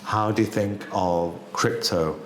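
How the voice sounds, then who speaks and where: A man from Manchester hosting a podcast interview, agreeable and quick to affirm. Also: on the low side, reverberant, a little hiss or hum. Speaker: podcast host.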